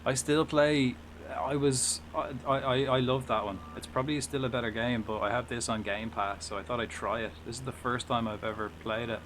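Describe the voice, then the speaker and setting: A man's voice: medium pitch, little pitch movement, brisk. Sweary Irish man streaming over engine noise. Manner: sweary, rambling, chatting back to viewers. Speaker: game live streamer. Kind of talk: casual live gaming commentary while playing a flight simulator.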